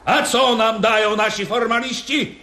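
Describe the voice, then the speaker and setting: An actor playing a stern, bombastic Soviet party official in a radio drama, with a declamatory, mocking delivery that repeats its phrases. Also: male voice, high-pitched, fairly even intonation, measured pace, bright, forceful tone, full character voice. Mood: scolding. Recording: roomy echo with faint crowd.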